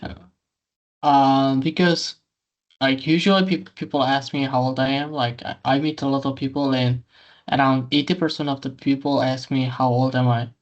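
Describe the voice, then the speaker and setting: 22ish guy on a podcast, talks slow and unsure, thinking it through, audio sounds kinda muffled. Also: medium pitch. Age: 20s. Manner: thoughtful, hesitant. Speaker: podcast co-host. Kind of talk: casual podcast chat.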